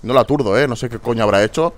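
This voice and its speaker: A young man commentating his online shooter match, foul-mouthed and exasperated, bursting into shouts. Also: mid-range voice, racing. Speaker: gameplay commentator. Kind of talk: casual gameplay commentary.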